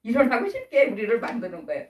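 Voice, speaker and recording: A woman's voice: a little high, huge pitch swings, fast talker. A middle-aged woman preaching a sermon, asking the listeners questions and acting out the voices she quotes. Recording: echoey room from far off.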